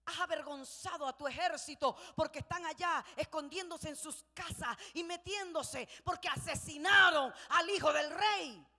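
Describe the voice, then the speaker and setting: A woman pastor voicing a stern male general who scolds a king, shouting the rebuke in her sermon. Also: high-pitched, moderate pace, hardly any pauses. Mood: scolding. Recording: long church hall reverb.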